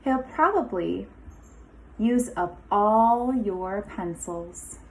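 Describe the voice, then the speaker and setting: Reading a picture book to young kids, this woman teacher sounds expressive and instructive, breaking off for the occasional aside. She speaks in a mid-range voice, though the audio quality is poor.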